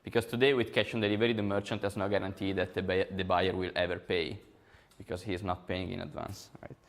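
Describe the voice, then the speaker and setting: A young Italian man with an Italian accent gives a technical conference talk, explaining at length with many ums and uhs. His low, gravelly voice moves little in pitch, and he speaks fast.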